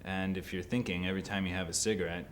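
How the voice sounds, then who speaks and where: A man in his early twenties giving interview answers in a laid-back, skeptical, unhurried way. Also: deep voice, fairly even intonation, slight background noise. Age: 20s.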